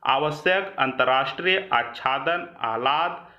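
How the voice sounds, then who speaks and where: A man's voice: mid-range voice, measured pace. A man teaching a grammar lesson for exam preparation, explaining patiently and stressing and repeating words. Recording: echoey room, dull lo-fi sound.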